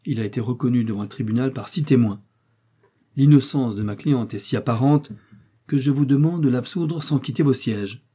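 A man's voice: mid-range voice, normal speed, mellow, husky, close to an everyday voice. A man voicing a courtroom defense lawyer, oratorical and persuasive. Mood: pleading.

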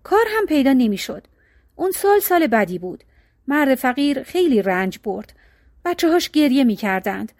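A woman narrating a folk tale with an expressive storybook cadence. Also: high-pitched, no room sound, studio quality.

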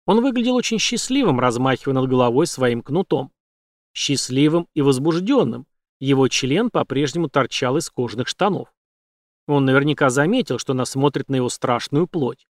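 A man narrating an audiobook in a steady, dramatic reading. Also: mid-range voice, normal speed, no echo, studio quality. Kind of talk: scripted narration.

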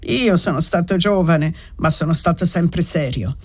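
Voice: mid-range voice, a little slow, slightly rough. A reader voicing an old, sick, asthmatic man who is spiteful and irritable, stammering through broken words in an audiobook. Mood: irritated. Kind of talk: audiobook reading.

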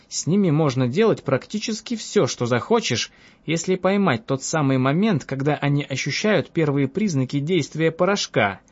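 A man voicing a cunning, bold young woman who tells her escapade with mocking self-assurance. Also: fairly high pitch. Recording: dull lo-fi audiobook with faint music.

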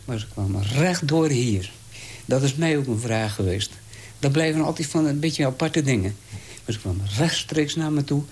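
An elderly man tells his story plainly and haltingly, often adding little tag phrases. His voice sits at an ordinary middle pitch for a man, with a faint hiss behind it. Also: darkish tone. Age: 80s. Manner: halting, plain-spoken storytelling, frequent "weet je wel". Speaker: eyewitness interviewee. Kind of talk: recounting a wartime memory.

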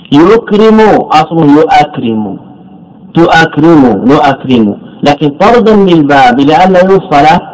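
This sheikh's voice is a little high and somewhat mellow, captured on a low-quality recording. Lecturing a class on Arabic morphology and working through a text, he asks questions, supplies the answers himself, and keeps repeating important terms.

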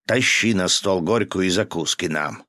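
A man voicing a gruff, domineering governor who barks orders and drinks hard, in a storybook reading. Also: deep voice, moderate pace, pushed and bright, no echo, clean studio sound. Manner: gruff, barking, commanding.

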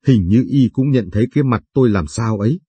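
A man narrating a late-night story reading in a slow, measured, confessional first-person manner, and hosting the reading channel. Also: mid-range voice, warm tone, slightly rough, dry recording. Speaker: story reader, channel host.

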